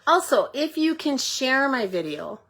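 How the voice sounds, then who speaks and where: A woman's voice: sits high, sing-song, unhurried, fairly bright tone. Breathless older woman chatting. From Middle Tennessee, United States. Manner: chatty, greets viewers by name. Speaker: paper crafting livestream host. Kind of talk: casual livestream chat.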